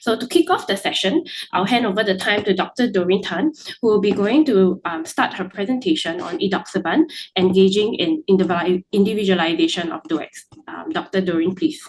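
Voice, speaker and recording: A woman's voice: medium pitch, fairly quick, few pauses, low-quality recording. A woman moderating a webinar, reading formal introductions and tripping over names.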